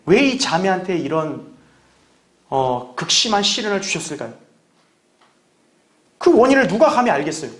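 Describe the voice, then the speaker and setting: A man's voice: high-pitched, sing-song, normal speed, pauses often, a bit bright. A man preaching a sermon as pastor, earnest and conversational, often asking the congregation rhetorical questions.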